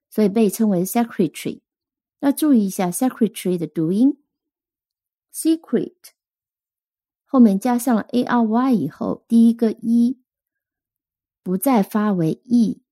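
Woman doing an english vocab lesson, dark mellow voice, dry close sound, spells stuff out slow. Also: medium pitch, dry recording. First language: Chinese. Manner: slow, careful spelling and pronunciation drills.

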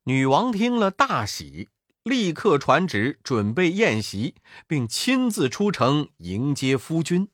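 Lively male children's storyteller. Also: on the high side, takes it slowly, no echo, clean studio sound.

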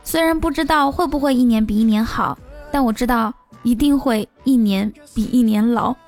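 A woman hosts a comic monologue and tells jokes in a playful, teasing way. Her voice sits a little high. Soft music plays behind her. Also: normal speed. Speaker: host.

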